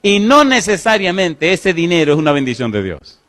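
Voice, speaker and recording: A man preaching a sermon as pastor, asking the congregation questions and slowing to read scripture aloud. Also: a little high, very animated, fairly bright tone.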